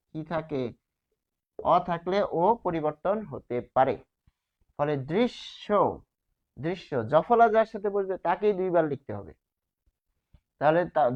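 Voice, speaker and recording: At a whiteboard, a man gives a grammar lesson, taking each rule one step at a time. He repeatedly poses questions to his students and answers them himself. His voice is a little high, and the recording is slightly muffled.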